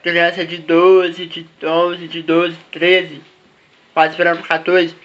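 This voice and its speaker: A man's voice: fairly high pitch, completely flat delivery, slow pace, fairly bright tone, lo-fi sound. A man giving parents advice in a casual vlog, repeating himself and tagging his phrases with little questions. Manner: repetitive, ends phrases with "né?" and "tá?". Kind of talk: casual talk to camera.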